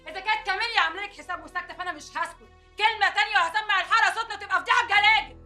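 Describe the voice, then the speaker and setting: A woman's voice: very high voice, very fast, pushed and bright, faint music behind, heavily acted. An actress playing a defiant young woman with an Egyptian accent, blunt and confrontational in a family argument.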